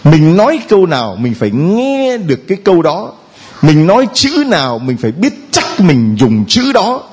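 Preacher: middle-aged man, animated sermon, pitch rising and falling a lot, slightly high voice. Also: normal speed, breathy edge. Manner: lively, animated preaching with sung snatches and mimicked voices. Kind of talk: sermon at a retreat.

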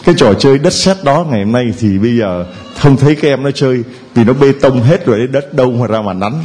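A man's voice: medium pitch, fairly quick, a little mellow, soft background music. A man preaching a homily who keeps a playful tone, quizzing the congregation with questions and chuckling between points. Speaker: priest.

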